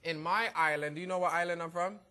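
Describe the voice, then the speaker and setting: A cooking show host from Brooklyn who keeps the banter joking and playful. His voice is bright and forceful and sits a little high for a man. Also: fast talker. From Brooklyn, New York. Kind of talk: casual cooking show chat.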